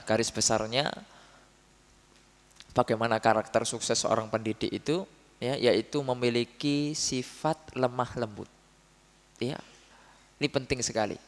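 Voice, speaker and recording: A man giving a religious study talk, telling stories with lively acted quotes and often addressing his listeners as "Pak". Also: medium pitch. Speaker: preacher. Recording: long hall reverb.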